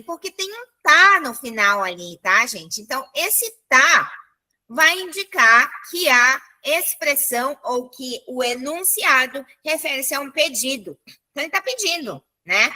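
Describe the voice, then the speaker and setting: Young Brazilian woman, school teacher with a high, very bright voice, lively and chatty with her class. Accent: Brazilian Portuguese. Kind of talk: live online class for children.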